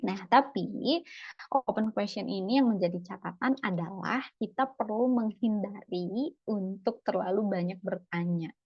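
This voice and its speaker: Creaky-voiced woman psychologist, chatty lecture. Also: medium pitch, a little slow, no room sound. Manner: chatty, ends phrases with "gitu ya". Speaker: clinical psychologist giving a talk. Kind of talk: casual lecture with acted examples. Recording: dull lo-fi sound, dry.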